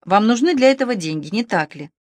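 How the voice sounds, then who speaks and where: A woman's voice: mid-range voice, animated, fast talker, no echo, voice pushed up, lightly acted. A timid young male detective, red-haired and sweating, as a woman reader puts him on, who stammers out his bewildered questions. His voice is lifted a little above the reader's own. The recording is dry and close.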